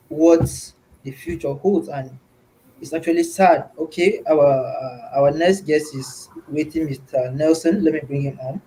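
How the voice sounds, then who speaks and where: A man's voice: on the high side, darkish tone, a little hiss or hum, rough recording. A man from Nigeria hosting an online community call, earnest and repetitive, with many fillers. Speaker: host. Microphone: video call.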